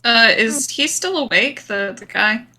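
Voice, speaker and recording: A woman's voice: a little high, animated, unhurried, sharp tone. A woman playing a tabletop game, casually improvising her character's actions.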